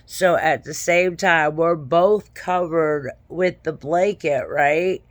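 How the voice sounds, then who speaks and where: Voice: mid-range voice, slow pace, no echo. A vlogger casually retelling a dream in a rambling, repetitive way, often checking in with "okay?" and "right?".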